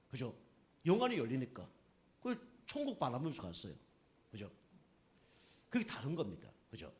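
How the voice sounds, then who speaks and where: A middle-aged man preaching a sermon as pastor, keeps checking in with the congregation with quick questions. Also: a little high. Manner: lively preaching, constantly asking the congregation "right?".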